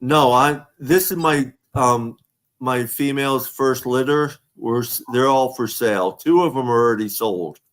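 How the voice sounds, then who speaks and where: A man's voice: mid-range voice, a little slow, fairly bright tone. A man hosting a casual sports fan livestream over a video call, rambling and a little slurred after a few drinks. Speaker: podcast host.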